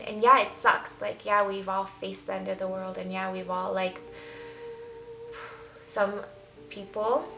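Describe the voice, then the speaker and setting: Speaking to camera, a woman gives blunt, emphatic opinions in a casual, candid vlog. Her voice sits at medium pitch with a gravelly texture. A roomy echo surrounds her, with soft music faint in the background.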